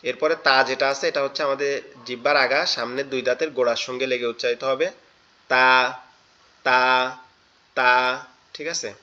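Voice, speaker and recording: Man from Bangladesh, tajweed teacher, bright clear tone over muffled call audio, patient and repetitive. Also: mid-range voice, fairly even intonation. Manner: patient, repeats each letter sound slowly. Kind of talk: online class instruction. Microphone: online class audio.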